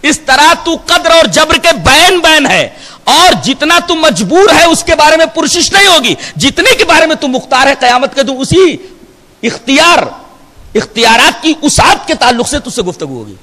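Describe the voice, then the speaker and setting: Male scholar preaching Quran commentary, high lively voice, emphatic, rhetorical questions, chanted verses, long hall reverb. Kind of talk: sermon-style Quran commentary.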